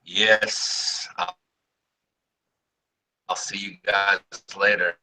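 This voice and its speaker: A man co-hosting an online coaching call, signing off in a playful, drawn-out way. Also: lowish voice, little pitch movement, pushed and bright.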